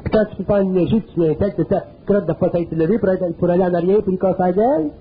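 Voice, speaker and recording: A man with a Quebec French accent gives a spiritual talk in a high voice, colloquial and earthy. He drives his points home with emphasis. The recording is narrow and phone-like, with a faint hiss. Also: fast. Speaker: speaker. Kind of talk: spiritual lecture. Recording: narrow phone-like old tape.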